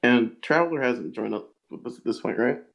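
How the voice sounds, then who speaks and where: A man's voice: mid-range voice, fairly quick, vocal fry, fairly bright tone. A man playing a tabletop game, plainly narrating what his character does. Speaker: player. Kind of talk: casual tabletop role-play.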